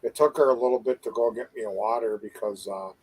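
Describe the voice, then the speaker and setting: A man's voice: medium pitch, fast talker, darkish tone, breathy edge, low-quality recording. A middle-aged man co-hosting a live online show, chatting in an easygoing, rambling way with many uhs. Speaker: co-host of a live advocacy show. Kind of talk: casual chat.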